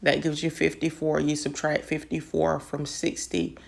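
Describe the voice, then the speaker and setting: Woman math teacher, deep voice w lots of fry, slow patient explaining. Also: completely flat delivery. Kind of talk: online math lesson.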